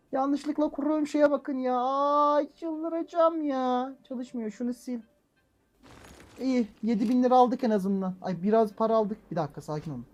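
A man hosting a gaming channel, commenting on his own play as he goes, muttering to himself and breaking into loud frustrated exclamations and mild swearing. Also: very high-pitched. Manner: talks to himself while playing, excitable, frequent exclamations and mild swearing; swings between calm muttering and loud frustrated outbursts. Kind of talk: let's-play gameplay commentary.

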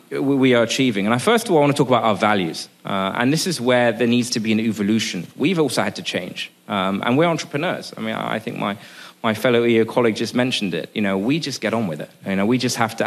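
A man's voice: mid-range voice, expressive, fast talker. A man from Sri Lanka in his forties giving a conference speech at a lectern microphone, earnest, with many restarts and fillers. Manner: gestures at a lectern. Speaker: business executive speaking at a panel. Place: conference room, indoors.

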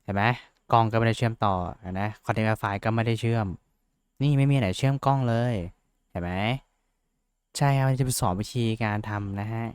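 A man's voice: fairly low pitch, normal speed, smooth, no echo. A young man casually talking through a tutorial, rambling and joking at himself, with lots of fillers. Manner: rambling, self-mocking, chatty with fillers. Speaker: VTuber tutorial host. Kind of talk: casual screen-share tutorial.

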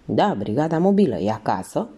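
Stern police inspector, curt questions, low mellow voice, woman reading him, audiobook. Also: very animated, breathy edge, exaggerated voice. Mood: probing. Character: calm stern middle-aged male police inspector.

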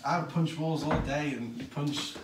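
A man's voice: fairly high pitch, fairly even intonation, moderate pace, background noise. A British man coaching two friends at boxing in a casual chat, encouraging them and repeating himself, recorded from a distance in an echoey room. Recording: echoey room, far from mic.

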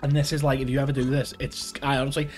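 A man's voice: medium pitch, level tone, quick pace, faint music behind. Blunt man eating gross jelly beans. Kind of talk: casual chat, challenge video. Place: small living room at home, indoors.

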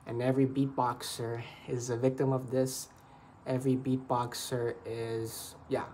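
A man's voice: medium pitch, flat delivery, measured pace, a little mellow, slight background noise. A man giving an earnest, repetitive, rambling monologue to camera about beatboxing. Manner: earnest, repetitive, loose improvised phrasing. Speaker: beatbox vlogger.

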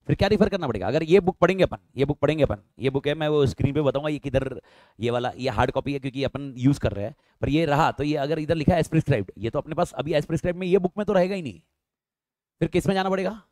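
A man's voice: fairly high pitch, a little mellow, no echo, studio quality. A man teaching law in a live online lecture, asking his students questions and answering them himself, mixing Hindi and English.

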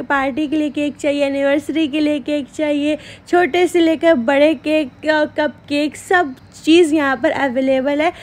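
Young woman vlogger, high voice, chatty, keeps saying guys to viewers. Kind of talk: casual vlog narration.

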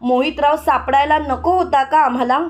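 Brief: woman reading as a fierce village woman, high voice, sharp and accusing. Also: fairly even intonation, normal speed, lightly acted. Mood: angry.

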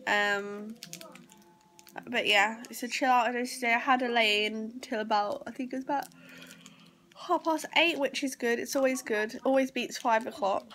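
A young mother who vlogs chats casually to a phone camera held at arm's length, rambling with plenty of ums while nursing a sore throat and stuffy nose. Her voice is a little high and a bit bright at normal speed, and the noisy home recording, made around her small house's sofa, kitchen and garden, carries soft background music.

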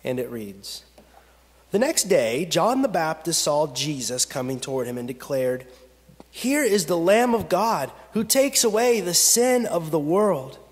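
Slow-praying pastor in a reverberant sanctuary. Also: male voice, fairly high pitch, very animated. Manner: slow, measured prayer cadence with long pauses. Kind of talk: pastoral prayer and scripture reading. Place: church sanctuary at a pulpit. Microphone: pulpit gooseneck microphone. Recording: long reverb of a church sanctuary.

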